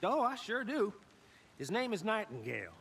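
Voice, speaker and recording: A gossipy small-town local in a game, high bouncy voice, soft hiss. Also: male voice, huge pitch swings, normal speed, gravelly, full character voice. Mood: chatty. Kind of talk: video game dialogue.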